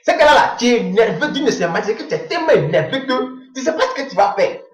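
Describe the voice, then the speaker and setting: A man telling a comic monologue in an animated way, slipping into low muttered voices as he acts out phone calls. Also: fast, reverberant, low-quality recording.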